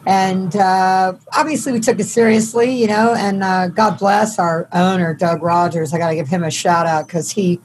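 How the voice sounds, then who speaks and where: A woman's voice: lowish voice, steady tone, moderate pace, hardly any pauses, a little hiss or hum. A middle-aged woman with a Southern US accent, chatting casually and folksily as an interview guest. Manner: folksy, laughs often. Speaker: studio manager, guest.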